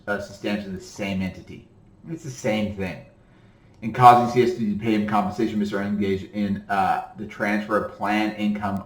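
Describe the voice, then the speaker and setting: A man's voice: lowish voice, echoey room, low-quality recording. A male attorney casually teaching retirement-account law, reading passages from a court ruling aloud and breaking off to explain them, with frequent "okay?" checks and a slightly tired voice. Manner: reads legal text then breaks off to explain, with frequent "okay?". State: voice tiring.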